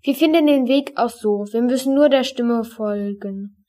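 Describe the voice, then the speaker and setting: A woman reading aloud from a children's book and voicing a quiet, oddly sad boy who murmurs his lines softly, staying close to her own voice. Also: on the high side, a little slow, lightly acted. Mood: dreamy.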